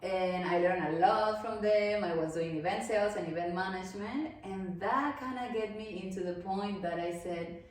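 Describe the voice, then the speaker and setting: A Peruvian woman, a guest and event planner, speaks English in a casual interview with an upbeat, friendly manner and slightly non-native phrasing. Her voice is medium in pitch and moves at a moderate pace. The room is echoey and the mic sits at a distance.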